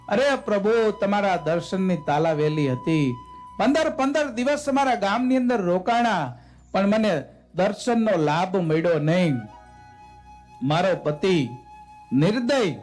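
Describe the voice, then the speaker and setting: A distressed village woman devotee pleads tearfully in a raised, high voice, put on by a male storyteller. Her words come out urgent and full of longing. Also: darkish tone.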